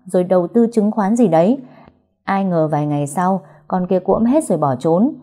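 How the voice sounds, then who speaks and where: A woman voicing a young female friend in an audio story, who gossips bluntly and teases. The tone is dark and mellow, slightly husky. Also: lowish voice, expressive, normal speed, soft background music. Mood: gossipy.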